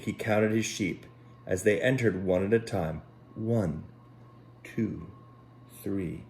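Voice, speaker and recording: A Sunday school teacher whose voice sits on the low side reads children a Bible story, unhurried and gentle, with pauses where he turns to speak to them directly.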